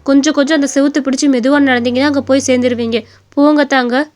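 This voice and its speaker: A woman's voice: high voice, steady tone, quick pace, a little mellow, close to an everyday voice. A woman voicing a selfish young daughter-in-law who talks bluntly and dismissively. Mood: rude dismissive.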